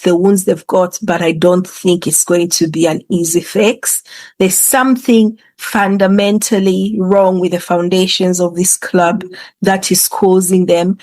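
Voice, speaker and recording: A woman's voice: on the low side, darkish tone, no echo. A woman hosting a football show, commenting casually in an informal, conversational way with hesitant asides. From England. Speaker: football podcast host.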